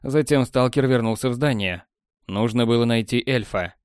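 Measured male audiobook narrator, dry sound. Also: medium pitch, clear, resonant tone, dry recording. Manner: even, measured storytelling. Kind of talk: scripted narration. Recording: dry close studio sound.

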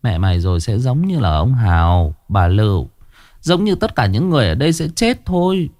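A man's voice: fairly low pitch, sing-song, moderate pace, darkish tone, dry recording, studio quality. A man voicing a fearful, scolding old village neighbor woman, in a spoken horror story. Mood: grim. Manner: alarmed, scolding.

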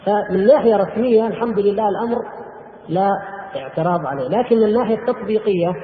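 Fast, high-voiced preacher in an echoey hall. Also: male voice. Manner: rhetorical questions, emphatic. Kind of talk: religious lecture. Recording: echoey hall over a phone-like line.

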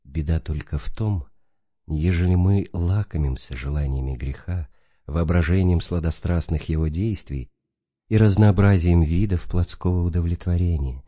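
A man solemnly reading a spiritual letter aloud in a slow, didactic way. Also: sits low, warm tone. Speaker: reader. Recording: dull lo-fi recording.

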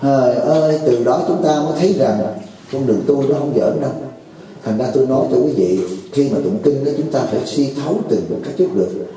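A Buddhist teacher gives a folksy, joking dharma talk, frequently asking his listeners questions. His medium-pitched voice is mellow and quick. The hall is echoey and he sounds far from the mic.

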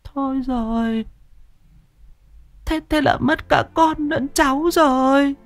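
A woman's voice: sits high, takes it slowly. A woman voicing a distraught elderly mother who laments and cries out in fretful wails. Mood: grieving.

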